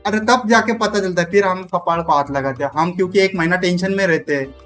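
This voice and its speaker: Guy streaming, kinda high voice, joking around, faint music behind. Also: brisk, fairly bright tone. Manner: joking, rambling, reads out donations. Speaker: live streamer. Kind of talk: casual live-stream chat.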